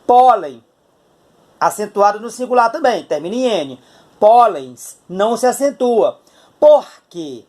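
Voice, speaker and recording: A man's voice: high voice, very animated, a little mellow. A male teacher with a Brazilian Portuguese accent giving a grammar video lesson, explaining patiently and checking in with his students as he goes. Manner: explanatory, checks in with "tá?" and "né?", spells out letters slowly.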